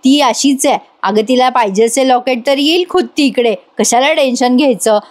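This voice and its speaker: A woman's voice: high voice, moderate pace, lightly acted. A woman reading a cheeky spoiled sister.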